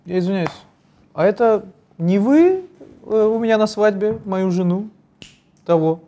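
A man's voice: high-pitched, expressive, unhurried, highs cut off. A young man trading casual comic banter on an improv show. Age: young adult. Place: studio living-room set with group. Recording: very noisy studio audio.

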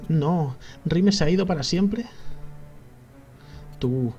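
A Spanish man voicing a furious teenage boy shouting accusations in a game scene, his voice pushed up high. The sound is dull and lo-fi, with faint music underneath. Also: slow pace. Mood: stunned. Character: angry grieving teenage boy player. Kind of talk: reading game dialogue aloud.

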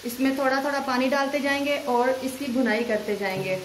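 In a voice-over for her cooking channel, a woman from Pakistan walks through a recipe step by step, keeping her instructions steady. She speaks briskly in a high voice, with a roomy sound, slight background noise and low recording quality.

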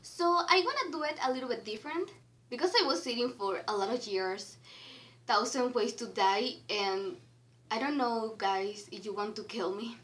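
A young woman chats casually into her webcam in a fairly high voice. Her phrasing is a little non-native, and she talks like a home vlogger. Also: moderate pace, a bit bright. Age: young adult. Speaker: challenge vlogger. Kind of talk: casual chat to camera. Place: small bedroom indoors.

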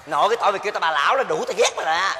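A spiteful, vain wicked queen, scolding and mocking in a stage comedy, as a man puts her on. The voice is shrill and very high, with a bright, hard edge and wild swings of pitch. It rings in a reverberant hall with music under it. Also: animated, rapid-fire. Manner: shrill, bossy, theatrical scolding. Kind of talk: live stage comedy acting.

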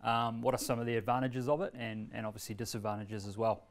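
In a bright, medium-sized indoor meeting room with a screen, a New Zealand man in his 30s casually demonstrates a learning tool for a workshop. He sounds easygoing and mid-pitched, chatting with lots of pauses and fillers as he moves between laptop and screen. The recording is from a far camera on the other side of the room.

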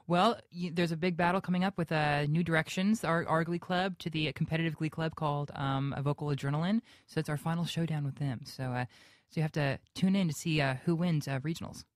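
A young man with a naturally high-pitched voice, a guest actor in a radio interview, talking haltingly with many fillers and restarts. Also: fairly even intonation, no room sound, clean studio sound.

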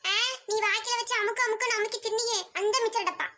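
A woman's voice: very high voice, steady tone, quick pace, background noise. A woman playing an exasperated mother who scolds with sarcastic threats, in a Kanniyakumari accent. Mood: scolding. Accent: Kanniyakumari Tamil. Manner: sharp, nagging, sarcastic threats. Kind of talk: comic sketch acting.

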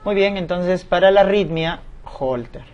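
A man's voice: high voice, normal speed, a little mellow, muffled recording. A man lecturing as a medical exam tutor, asking questions aloud and answering them himself. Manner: explanatory, asks and answers his own questions.

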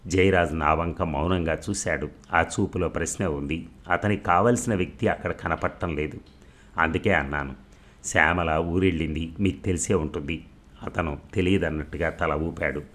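A man reading a novel aloud as an audiobook storyteller, in a calm, measured way. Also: deep voice.

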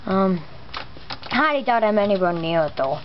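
The let's play host sounds animated, talking at normal speed in a medium pitch as he swears casually and mutters exclamations, with slightly imprecise R sounds. Audio comes through muffled and lo-fi from a camera pointed at a monitor, with a noisy background.

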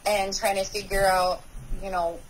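A woman's voice: medium pitch, level tone, a little slow, a little hiss or hum, poor audio. Candid woman telling her story. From North Dakota, USA. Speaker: guest. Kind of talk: personal recovery story.

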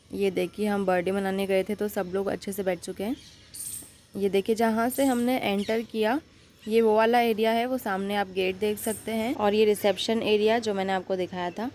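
A woman's voice: mid-range voice, darkish tone, slight background noise. A woman with an Indian accent walking through a restaurant lounge, filming on her phone and chatting to viewers as she points out each area. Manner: chatty, guiding the viewer with repeated "look here". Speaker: vlogger. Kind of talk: casual restaurant tour vlog.

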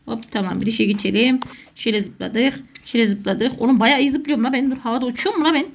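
A woman's voice: on the high side, quick pace, vocal fry, a little hiss or hum. A woman doing jokey, panicky let's play commentary as a gaming YouTuber who calls herself a gamer mom.

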